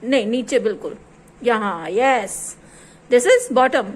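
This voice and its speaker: High-voiced woman slowly drilling a child. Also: expressive. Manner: patient, repetitive drilling of word pairs; mixes English words into Hindi. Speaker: teacher. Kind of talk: home lesson with a small child.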